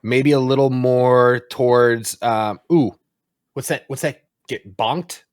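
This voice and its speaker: A man's voice: mid-range voice, takes it slowly, no room sound, clean studio sound. A young man co-hosting a gaming podcast, rambling and swearing as he tells stories in casual chat. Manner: rambling, profane, animated storytelling. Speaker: podcast co-host.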